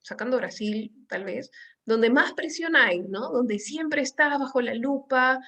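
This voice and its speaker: A woman's voice: high-pitched, measured pace, sharp tone. A woman hosting a conversational interview, talking in an engaged, thoughtful way with some fillers. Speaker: interview host.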